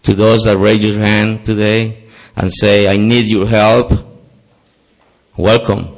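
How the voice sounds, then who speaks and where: At a recovery meeting in a meeting hall, a Costa Rican man, Spanish-speaking from birth and carrying a Costa Rican Spanish accent, tells his own story sincerely while joking at his own expense. He talks slowly, his low voice barely shifting in pitch.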